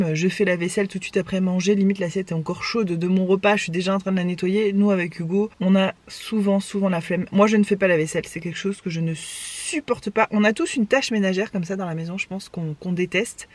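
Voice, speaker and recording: Hoarse, chatty young woman vlogging. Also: medium pitch, no room sound. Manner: chatty, self-mocking, rambling. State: hoarse, just woken up. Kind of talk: casual vlog chat. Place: home in the morning, then driving a car.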